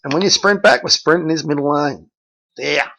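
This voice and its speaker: A man's voice: on the high side, normal speed, gravelly, bright, forceful tone, poor audio. A middle-aged man, a basketball coach reviewing game film and bluntly correcting his players by name.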